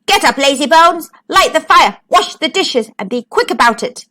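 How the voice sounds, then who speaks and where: A woman's voice: a little high, animated, normal speed, bright, forceful tone. Woman putting on a bossy old witch. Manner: bossy, snapping orders. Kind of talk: storybook read-aloud.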